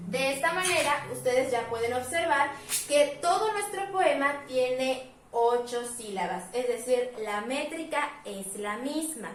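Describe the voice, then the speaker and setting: Patient female teacher at a whiteboard, fairly high voice, slow and repetitive on key words, roomy echo, mic kept at a distance. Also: slight background noise. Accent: Mexican Spanish. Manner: patient, says example words slowly and repeats them. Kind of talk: explaining at a board. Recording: echoey room, voice from a distance.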